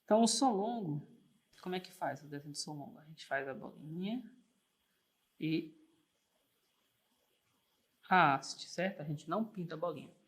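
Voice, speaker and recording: A man's voice: a little high, normal speed, long pauses, a bit bright. A man teaching an online music theory lesson, patient and encouraging, often checking in with the learner and singing single sustained notes while clapping the beat.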